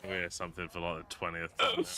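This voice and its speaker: A man's voice: low-pitched, monotone, fast talker, bright, forceful tone, a little hiss or hum. A man co-hosting a game stream, trading playful, teasing banter. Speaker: co-host.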